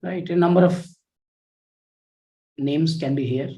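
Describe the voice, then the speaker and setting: A man with an Indian English accent teaches history in a live online class, speaking softly and at low volume in a measured, instructive way while reading out student comments. His pitch is a little high for a man, and the recording quality is low.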